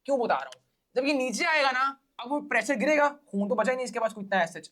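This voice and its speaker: A man's voice: very high voice, expressive, quick pace, fairly bright tone. A man with a Pakistani accent giving a casual biology lecture to exam students, explaining step by step, repeating key points and checking that they follow.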